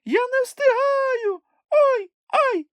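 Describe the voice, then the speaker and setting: A man voicing a small, fearful, always-hungry male creature in a storybook reading, with a squeaky, whining voice. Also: big pitch swings, normal speed, a little mellow, no echo. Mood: yelling. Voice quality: squeaky, high and thin. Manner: whining, complaining. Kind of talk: audiobook character voice.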